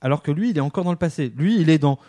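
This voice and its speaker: A man under fifty giving a comic spoken column, acting out quick bits of dialogue in a lively way. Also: fairly high pitch, no echo. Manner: lively, acts out quick dialogue in different voices.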